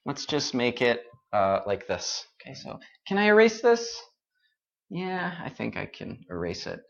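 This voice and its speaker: Slow, patient teacher. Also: male voice, mid-range voice, huge pitch swings, creaky, fairly bright tone, highs cut off. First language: Vietnamese. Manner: slow, repeats words, mixes in Vietnamese. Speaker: English pronunciation teacher. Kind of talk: live-streamed pronunciation lesson.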